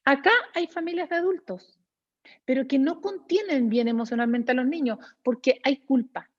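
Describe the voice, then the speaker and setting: A woman with a Chilean Spanish accent giving a lecture to teachers, lively, acting out little parent-child exchanges and often checking in with her audience. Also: high-pitched, moderate pace, highs cut off. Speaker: workshop speaker for teachers.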